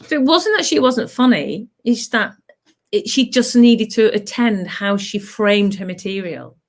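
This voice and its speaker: A middle-aged woman who teaches clowning, telling stories in a chatty, animated way. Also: medium pitch, a little slow. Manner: chatty, animated storytelling with playful asides. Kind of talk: casual chat.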